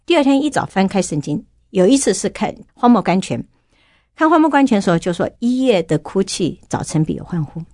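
A woman's voice: medium pitch, darkish tone, no echo, studio quality. A middle-aged woman earnestly telling her personal faith testimony as a radio guest. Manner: quick, earnest storytelling.

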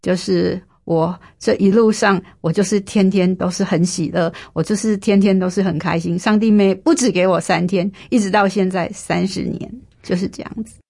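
A woman in her fifties tells her personal faith story in an interview. Her speech is earnest and emotional, with repeated phrases and frequent hesitations. Her voice has a middling pitch for a woman. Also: steady tone, moderate pace, creaky, hardly any pauses, a little mellow, breathy edge. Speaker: interviewee sharing a faith testimony.

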